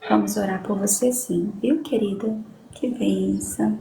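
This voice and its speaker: A woman's voice: mid-range voice, steady tone, gravelly, dark tone. A woman leading a prayer session, affectionately reading out names and prayer requests, often adding "amém" and "né". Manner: affectionate, reads out names slowly, frequent amém and né. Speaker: church leader taking prayer requests. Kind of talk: live-stream prayer session. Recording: echoey room with ambient noise.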